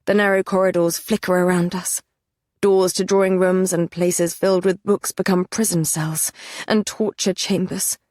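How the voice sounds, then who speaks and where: A woman's voice: on the low side, little pitch movement, moderate pace, a little mellow, dry recording, clean studio sound. A woman narrating a first-person fantasy romance audiobook with an intense, dramatic delivery.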